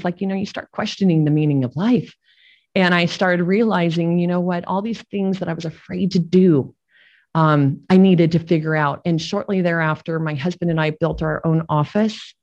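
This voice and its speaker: A middle-aged woman speaks as a podcast guest, retelling personal stories in a heartfelt, conversational way. Her voice sits a little low for a woman. The audio is dull and lo-fi. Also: darkish tone. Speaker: real estate agent and podcast guest. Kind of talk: podcast interview storytelling.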